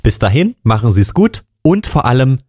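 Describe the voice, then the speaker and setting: A man, presenting a local radio feature in a calm, measured announcing manner. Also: mid-range voice, slightly rough, no room sound, studio quality. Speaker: radio host.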